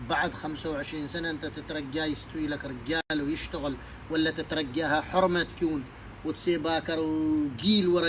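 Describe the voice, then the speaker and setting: A social media speaker with a highish, fairly bright voice delivers impassioned advice to parents, preaching emphatically with many rhetorical questions. The low-quality recording carries slight background noise.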